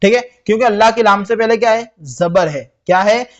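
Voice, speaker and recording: Man, high voice, Quran reading teacher, spells letters out slowly, answers his own questions. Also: muffled recording. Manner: spells letters slowly, then reads the word drawn out; asks questions and answers them himself, says "theek hai" often. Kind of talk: spelling-out tajweed lesson.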